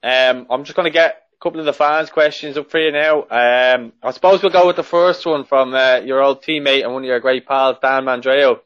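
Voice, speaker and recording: A slightly muffled recording of a man. He interviews in a casual, chatty way, with a voice of average male pitch. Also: fairly even intonation, a little fast, hardly any pauses, fairly bright tone, clear, resonant tone.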